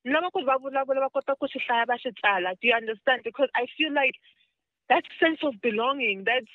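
A woman's voice: sits high, fast talker, no echo. South african woman, dry dull podcast sound. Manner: switches between English and Tsonga, repeats words as she starts. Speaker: guest actress. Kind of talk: casual podcast chat.

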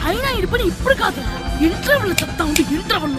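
An actor playing a mischievous schoolboy in a film comedy, talking in an excitable, cheeky child's voice over loud music. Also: male voice, very high voice, rapid-fire. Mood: excited. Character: mischievous schoolboy sneaking to the cinema.

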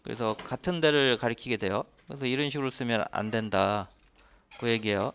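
Talking briskly, this man explains programming one step at a time during a screen-recorded lecture, tossing rhetorical questions at the listener. He has a mid-range voice that's fairly bright and clean.

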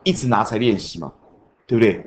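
A male teacher lectures a class, and his pitch swings up and down a lot. He chants grammar rules like mnemonics, with a faint hum of the classroom behind him. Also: expressive, fast talker. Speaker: junior high English teacher.

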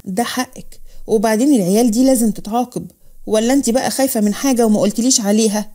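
Firm young Egyptian officer, reassuring, quick, mellow tone, read by a woman. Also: a little high, close to an everyday voice. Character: police officer, young man, calm and firm.

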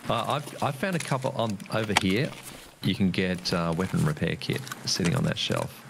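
An Australian man co-playing a shooter game on stream, easygoing and halting, with fillers. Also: low voice, big pitch swings, vocal fry. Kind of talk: casual gaming chat. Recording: loud game noise behind.

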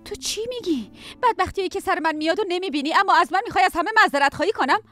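A woman dubbing a defiant young wife who answers back with sharp resentment. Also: very high-pitched, faint music behind. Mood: bitter. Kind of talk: Persian dubbing of a drama series.

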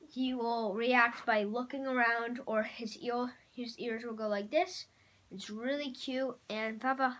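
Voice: mid-range voice, fairly bright tone. A child or young teen vlogger talking casually to the camera in a bedroom. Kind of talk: casual vlog talk to camera. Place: small carpeted bedroom, indoors.

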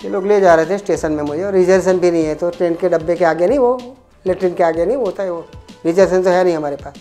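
Warm-voiced man telling his story. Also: sits high, fast, soft background music. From India, Ahmedabad. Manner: rambling, repetitive, frequent restarts. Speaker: interviewee, coin dealer. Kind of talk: casual life-story telling.

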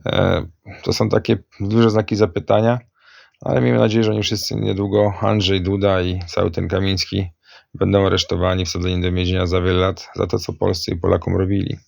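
A man giving a blunt, accusatory, unscripted political commentary, often halting to search for his words. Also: sits low, level tone, creaky, darkish tone, no echo, studio quality. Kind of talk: informal political rant, unscripted monologue.

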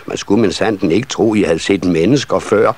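A man reading a children's story and voicing a calm, motherly female elf who soothes and gently scolds. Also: low voice. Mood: soothing.

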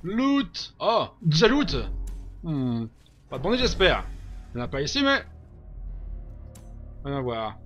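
High, lively man commenting on a game. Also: takes it slowly, long pauses, dull audio, soft background music. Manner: reacts loudly, jokes and swears at the game. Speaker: let's play host. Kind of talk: casual gameplay commentary.

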